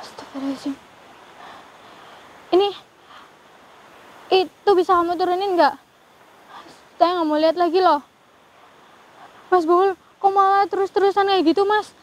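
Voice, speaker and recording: A woman with a very high voice hosts a ghost-hunting vlog. She sounds nervous throughout and keeps breaking into murmured prayers. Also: fairly even intonation, normal speed, pauses often, low-quality recording. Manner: fearful, praying aloud often. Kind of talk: live paranormal investigation vlog.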